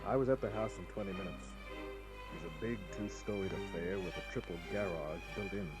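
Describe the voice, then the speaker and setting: Over loud music, a man with a low, natural voice speaks a little fast. He's an actor in a 1950s radio drama, playing a tough private detective who narrates his cases in a wry, hard-boiled manner.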